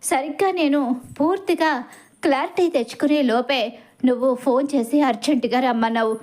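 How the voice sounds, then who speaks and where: A woman's voice: high-pitched, normal speed, a little mellow, natural voice. A woman voicing a worried young man who earnestly explains his suspicions to his brother.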